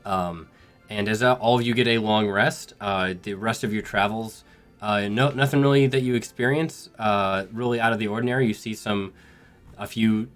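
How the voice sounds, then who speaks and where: A man's voice: on the low side, a bit bright. A man narrating as game master of a tabletop game, rambling with many ums and restarts.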